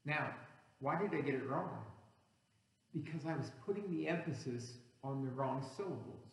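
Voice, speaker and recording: A man's voice: mid-range voice, lively intonation, moderate pace, creaky. Earnest male pastor in an echoing hall. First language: not English. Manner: earnest, teaching, building emphasis on key words. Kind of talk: sermon. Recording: echoey hall, reverberant room.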